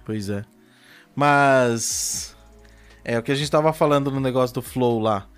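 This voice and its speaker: A man's voice: mid-range voice, unhurried, clean tone, faint music behind. A man hosting a casual podcast chat, laid-back and full of slang. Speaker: podcast host.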